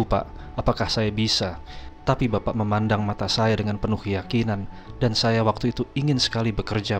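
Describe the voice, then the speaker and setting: A man's voice: lowish voice, close to an everyday voice. A man voicing a humble, earnest young male assistant who speaks politely and sincerely. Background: background music.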